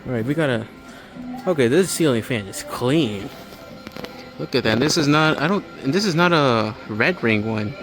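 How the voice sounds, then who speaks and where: In a rough recording, a mid-range, expressive male voice at a moderate pace rambles through an unscripted hardware-store walkthrough. He talks like an eager hobbyist making a video, as the amateur filmmaker he is, with store music behind.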